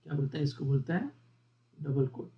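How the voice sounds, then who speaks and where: A man teaching a beginner programming lesson, explaining each part of the code slowly and repeating the terms, often asking his viewers questions. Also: a little high, lo-fi sound. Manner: explains step by step, repeats terms, mixes English terms into Hindi. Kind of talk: screen-recorded coding lesson.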